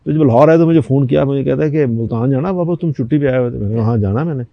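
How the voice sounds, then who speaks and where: A man's voice: medium pitch, gravelly, no room sound, muffled recording. An older man from Pakistan, a talk show guest, telling a personal anecdote and acting out the people in it. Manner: animated anecdote telling with quoted voices.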